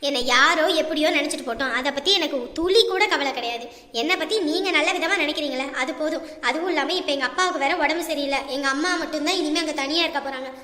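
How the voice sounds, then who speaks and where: A shrill, very high-voiced young wife, acted by a woman who talks fast and bosses her husband around. She wheedles and nags in a comic family-skit style. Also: bright, forceful tone, reverberant, in a large hall. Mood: bossy. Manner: bossy, wheedling. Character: young wife, demanding and money-minded.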